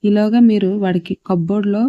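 A woman voicing a hurried young doctor. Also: high-pitched, steady tone, dry recording, dull audio, natural voice. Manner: hurried, brisk. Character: anxious young male doctor.

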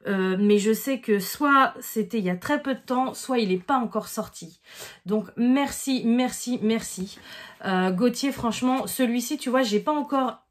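A woman's voice: a little high, unhurried. A woman in her thirties unboxing gifts in a casual vlog, gushing with delight and thanking people over and over. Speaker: vlogger unboxing gifts from subscribers. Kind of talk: casual chat.

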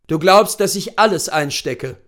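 A man's voice: high voice, expressive, a little slow, voice pushed up. A man reading the part of a bitter, humiliated rich husband who snaps resentfully. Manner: sharp, resentful outbursts.

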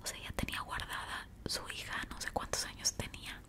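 A young woman with a Mexican accent whispers a casual ASMR storytime while chewing gum, close to a desktop microphone. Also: fairly quick. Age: young adult. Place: small indoor room. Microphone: large desktop microphone up close.

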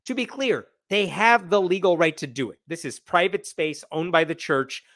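A man in his forties hosting a casual commentary livestream from a small room, animated and sarcastic, gesturing as he talks. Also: a little high, normal speed, dry recording, studio quality. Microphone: wired earbuds with dangling mic and desk mic.

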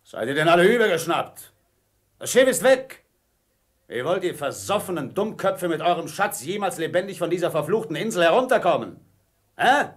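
In a radio play, a male actor with a high-pitched, very animated voice plays a cunning, commanding pirate ringleader. His theatrical performance swings between wheedling and menacing, furious in mood, at a moderate pace.

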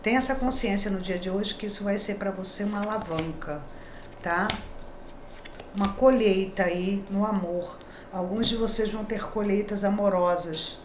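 Here a middle-aged tarot reader from Brazil delivers her daily horoscope reading in a small decorated room indoors, talkative and comforting, with frequent tag questions. Her mid-range voice is steady and at normal speed, heard in a reverberant space with background noise.

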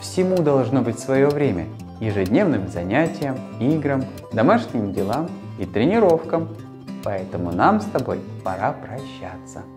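Man hosting children's show, very lively intonation. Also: mid-range voice, music in the background. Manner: friendly, simple, deliberate address to a child. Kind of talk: presenting to a young child. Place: small furnished room, later a martial arts hall. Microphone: lapel mic.

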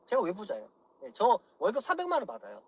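Fast, husky man ranting on a livestream. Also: high-pitched, wildly swooping pitch, a little mellow. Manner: profane, angry, keeps asking "예?"; lectures viewers directly. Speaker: political YouTuber. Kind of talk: livestream rant.

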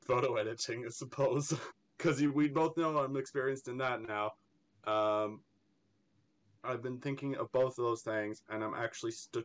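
A young Irish artist, his accent carrying a slight American tinge, chats casually as an interview guest. He rambles and stammers, laughing often, in a mid-range voice.

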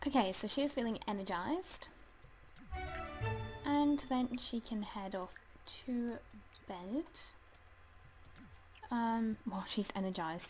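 A woman's voice: medium pitch, a little mellow, poor audio. A woman casually commenting as she plays a life simulation game, chatty and hesitant, full of ums, and talking to the game characters. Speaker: let's play gamer.

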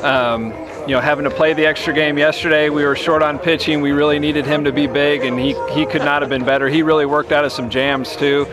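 Speaking at a night ballfield after the game, this baseball head coach in his thirties answers questions in a measured, flat delivery packed with you-knows. His pitch runs on the high side, and music plays behind him.

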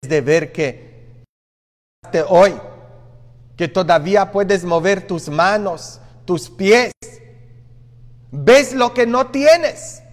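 Male priest, higher voice, unhurried homily delivery with chatty asides; reverberant church sound. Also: lively intonation. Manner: conversational preaching with frequent "¿ah?" asides and acted quotes. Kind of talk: sermon.

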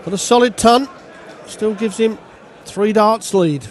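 High-voiced chatty darts pundit. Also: male voice, measured pace. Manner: chatty, opinionated co-commentator. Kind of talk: live sports commentary.

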